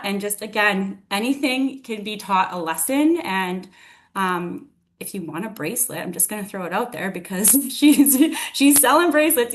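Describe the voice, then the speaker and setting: A woman's voice: medium pitch, fairly bright tone. A woman finishing a motivational team training on a video call, encouraging and loose with her words.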